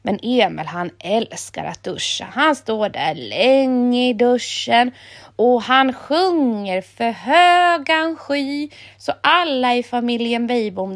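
A woman's voice: on the high side, gravelly. Woman reading a children's story. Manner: calm, gentle storytelling.

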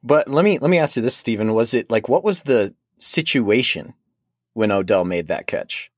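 A man's voice: mid-range voice, lively intonation, moderate pace, no echo, studio quality. A man from Minnesota hosting a fantasy football podcast, chatting casually and rambling. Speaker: podcast host. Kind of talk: casual sports podcast chat.

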